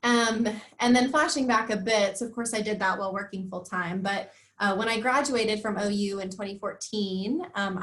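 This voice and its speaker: A young woman speaking over a video call, presenting to a student group in an easy, chatty way. She talks at a middle pitch and often pauses with ums. Her voice comes through a computer mic from a home setup. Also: fairly bright tone. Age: young adult. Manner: friendly, conversational, with frequent ums. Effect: heard over a video call. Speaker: guest speaker. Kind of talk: informal presentation. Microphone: computer or headset mic on a video call.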